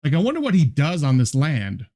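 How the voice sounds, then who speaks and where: A man's voice: fairly high pitch, wildly swooping pitch, brisk, mellow. A man hosting a reaction video, chatting casually and rambling with lots of asides and fillers.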